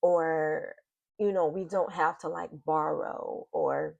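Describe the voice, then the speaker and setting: A woman's voice: deep voice, sing-song, slow, gravelly, darkish tone, no room sound, muffled recording. A middle-aged woman, talking to her viewers in a casual confessional vlog from her home office, emotional and sighing as she speaks. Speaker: vlogger. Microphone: computer mic.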